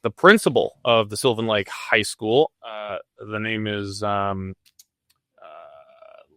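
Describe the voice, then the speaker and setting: A man's voice: fairly low pitch, takes it slowly, pushed and bright, clean tone, no room sound, clean studio sound. A man conducting a news interview, hesitant, with many fillers and restarts.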